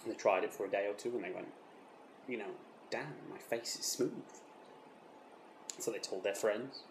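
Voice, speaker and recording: A self-important British razor developer, played by a man, gives a mock documentary interview in a lowish voice. He boasts with deadpan earnestness and false modesty, halting and repeating himself defensively. The room echoes around him, with faint noise behind. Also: natural voice. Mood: proud storytelling. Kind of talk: mock documentary interview, improvised-sounding monologue. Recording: roomy echo with faint background noise.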